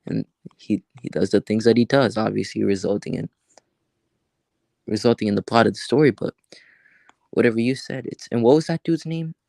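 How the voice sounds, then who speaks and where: Man, gravelly low voice, livestream host, rambling with lots of fillers, dry close sound. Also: darkish tone, no room sound. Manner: rambling, halting, many fillers and restarts. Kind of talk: casual livestream chat.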